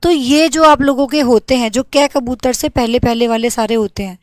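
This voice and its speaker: In a dry recording, a young woman with a slightly high, darkish-toned voice runs an English grammar lesson for exam takers. She questions and answers herself and spells letters out at a slow pace.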